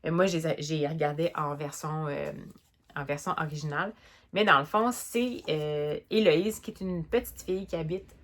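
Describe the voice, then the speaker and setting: Young Québécois woman, book vlogger, chatty and animated, a little low-pitched. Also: moderate pace. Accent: Québécois French. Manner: chatty, animated, many fillers and restarts. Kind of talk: casual book review vlog.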